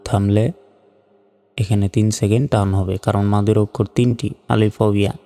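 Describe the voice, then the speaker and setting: A man teaching Quran reading, spelling out each letter and vowel slowly and reciting the verses in a drawn-out chant. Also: on the low side, flat delivery, warm tone, big-room sound.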